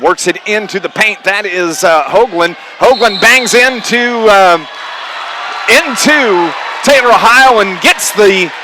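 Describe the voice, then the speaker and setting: Amid crowd noise, a high-voiced, animated man speaks slowly while doing live radio play-by-play of basketball in clipped running phrases. The sports announcer's noisy gym broadcast also carries gymnasium ambience and bouncing basketballs.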